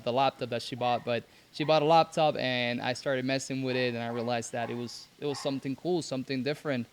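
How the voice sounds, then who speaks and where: A young man from Cuba, raised in Mexico, speaking as a podcast guest in a halting way with many restarts. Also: medium pitch, a little hiss or hum. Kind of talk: casual interview.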